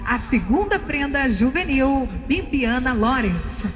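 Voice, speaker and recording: A woman with a fairly high voice reads a formal parade announcement, measured and ceremonial. Her voice rings with a long reverb as though over loudspeakers outdoors. Loud music plays behind her. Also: sing-song. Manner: formal, measured reading of names and titles.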